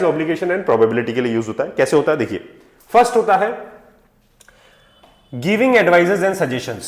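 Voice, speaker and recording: A man with an Indian accent teaching English grammar in a classroom style, mixing Hindi and English, asking rhetorical questions and repeating example sentences slowly. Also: a little high, reverberant.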